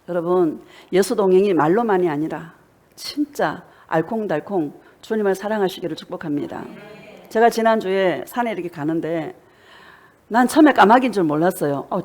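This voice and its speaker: A woman pastor delivering a fervent sermon, exhorting her congregation and telling stories along the way. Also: mid-range voice. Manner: fervent, exhorting with storytelling asides.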